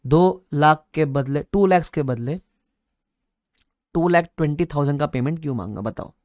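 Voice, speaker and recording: A young man teaching a live class, telling a playful story and acting out loud bits of dialogue. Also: fairly high pitch, moderate pace, no echo, studio quality. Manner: playful storytelling, acts out shopkeeper dialogue loudly. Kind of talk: live online class lecture.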